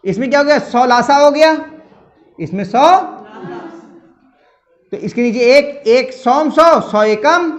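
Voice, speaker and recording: A man's voice: very high voice, expressive, takes it slowly, long pauses, lo-fi sound. A man teaching a classroom maths lesson, patiently quizzing his students.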